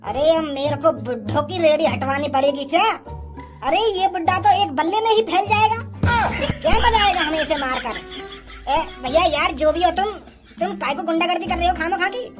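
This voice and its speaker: A woman voicing a swaggering, menacing male hired goon in a cartoon, speaking slowly and boastfully. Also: very high-pitched, music in the background.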